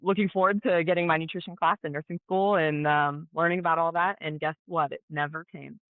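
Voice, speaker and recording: A woman's voice: sits low, fairly quick, no room sound. Chatty woman on a tinny call line. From Colorado, USA. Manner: animated, chatty storyteller with many "like" fillers. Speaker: guest, ER nurse and pro athlete. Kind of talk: casual storytelling interview. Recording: tinny phone-like dry audio.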